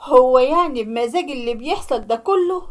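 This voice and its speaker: A woman voicing a curt, defiant young man in a cartoon story, with an Egyptian accent. The voice sits high. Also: expressive, a little fast. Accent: Egyptian Arabic. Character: defiant young man, harsh to his mother.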